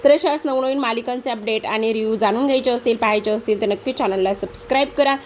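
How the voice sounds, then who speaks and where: A woman's voice: fairly high pitch, a little hiss or hum. Woman narrating a serial recap. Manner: brisk retelling with frequent hesitation sounds. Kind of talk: storytelling episode recap.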